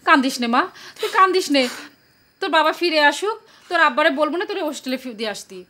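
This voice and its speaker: A woman's voice: high voice, expressive, fast, bright, forceful tone. An actress playing a worried mother who coaxes and pleads with her upset daughter in a TV drama. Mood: coaxing. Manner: soothing, pleading, repeats the daughter's name. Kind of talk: TV drama acting.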